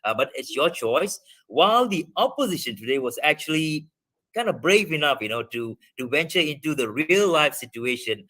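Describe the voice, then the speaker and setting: A man's voice: fairly high pitch, sing-song, normal speed, bright, forceful tone. A man speaking over a video call as a debate judge, giving loose, filler-heavy feedback to students. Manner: rambling, many fillers and restarts. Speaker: debate adjudicator.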